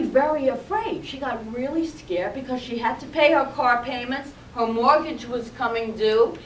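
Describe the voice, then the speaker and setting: Woman minister preaching, slow pace, fairly high voice, echoey hall, distant mic. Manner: storytelling, gently reflective. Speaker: reverend. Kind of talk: sermon. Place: spiritual center hall. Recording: echoey room, distant mic, faint noise.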